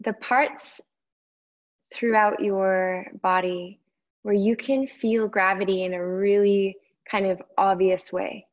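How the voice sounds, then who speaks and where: Guiding a meditation, a female yoga instructor keeps a steady tone in her mid-pitched voice. Her short phrases come slowly and softly, separated by long pauses, on a somewhat muffled, lo-fi recording.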